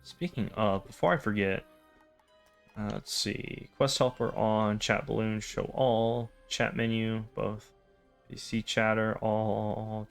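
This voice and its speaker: A man hosting a game playthrough with casual, wry, deadpan commentary and rambling asides. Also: on the low side, gravelly. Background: game music.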